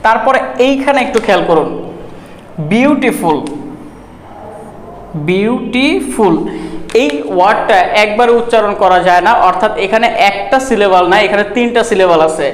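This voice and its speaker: A man teaching a grammar lesson at a board, explaining step by step and slowly repeating words to count their syllables. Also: high voice, slight background noise. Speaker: English teacher. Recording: echoey room.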